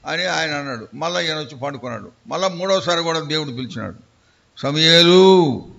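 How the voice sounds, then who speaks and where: A man preaching a sermon, telling the story in an animated way, acting out voices and putting questions to the congregation. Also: on the high side, gravelly, highs cut off.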